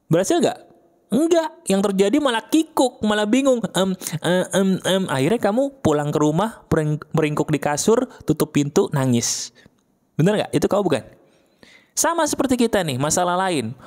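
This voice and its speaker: A man giving a casual motivational talk. He fires rhetorical questions at the listener and acts out their objections in a higher voice. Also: darkish tone. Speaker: motivational speaker.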